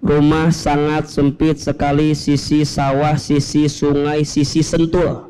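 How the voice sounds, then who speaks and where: A man's voice: on the high side, monotone, slow, warm tone, slight background noise, rough recording. A man, preaching through a personal story with emotion and self-mocking humor. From Bogor area, West Java. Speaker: Islamic preacher. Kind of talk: storytelling sermon.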